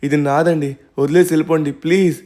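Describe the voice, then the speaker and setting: A man playing a young hero, raised voice, talks to the viewers, quick temper, game role-play dub. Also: a little high, fairly even intonation, warm tone, close to an everyday voice. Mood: pleading. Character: hard-working young man defending his tree house. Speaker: main character and narrator.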